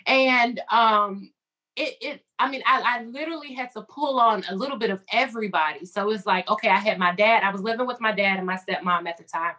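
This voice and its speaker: A woman in her thirties from Chicago, telling her story in a lively, animated way in a casual conversation. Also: medium pitch, normal speed. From Chicago, United States. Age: 30s. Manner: animated storytelling with acted-out inner voices.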